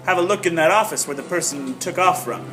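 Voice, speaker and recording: A wry, unflappable male private eye played by a man narrates an improvised noir audio drama. His voice is fairly high, his sentences short and clipped, with music playing behind. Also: quick pace, pushed and bright. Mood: narrating.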